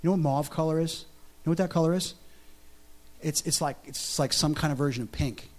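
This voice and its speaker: A male pastor preaching a sermon as a story, chatty and full of fillers and restarts, swinging into excited preaching. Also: on the high side, brisk. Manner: conversational, with frequent "like" fillers and restarts; dramatic preacher who builds to loud, excited delivery.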